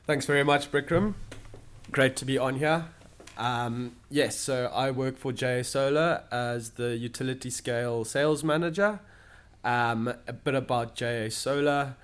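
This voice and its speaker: A young man answers an interviewer's questions. He speaks in a steady, explanatory way and pauses now and then to find his words. He is recorded in an office. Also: mid-range voice, clean tone. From Zimbabwe. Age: young adult. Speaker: guest, solar sales manager. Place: office in London.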